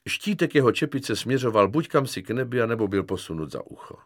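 A man narrating an audiobook with lively, expressive storytelling. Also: medium pitch, dry recording, clean studio sound. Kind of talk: scripted narration. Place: recording studio.

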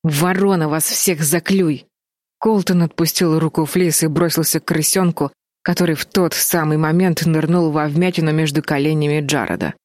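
A woman narrating an audiobook in a steady storytelling manner. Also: deep voice, normal speed, hardly any pauses, no room sound, clean studio sound. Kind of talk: scripted narration.

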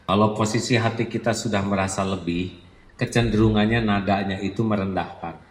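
A man's voice: fairly low pitch, steady tone, brisk. A man giving a sermon in a conversational, teasing way, acting out everyday examples. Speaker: Islamic preacher. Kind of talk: sermon to a congregation. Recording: echoey hall, faint ambience.

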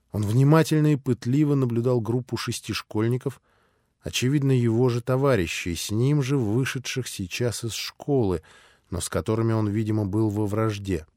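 A man narrating a classic novel as an audiobook, measured and expressive. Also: medium pitch, dry recording, clean studio sound. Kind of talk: scripted literary narration.

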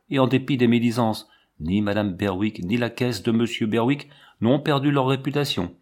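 A man voicing a chattering worldly gentleman with an affected falsetto tone, in a novel read aloud. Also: lightly acted.

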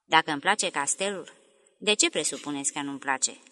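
A woman's voice: low-pitched, pushed and bright. A woman reading the lines of a tired male stranger in an audiobook, polite but insistent. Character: weary male stranger, persistent and uneasy.

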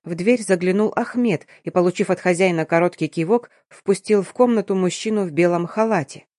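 A woman narrates a first-person audiobook, telling the story in a measured, even way. Her pitch is fairly low, and the recording is clean studio sound with no room echo.

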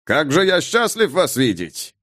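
A brash nomad chieftain bellows and mocks in a lively, swooping voice, as a male audiobook reader puts him on. He drags out his words when he sneers and shouts when cornered. The sound is a plain storybook reading. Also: a little high, no room sound, clean studio sound, pitched above the performer's own voice, exaggerated voice. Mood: mocking boastful. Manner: blustering, shouting, drawn-out mocking. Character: brash boastful nomad chieftain, hot-tempered. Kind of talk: audiobook character voice.

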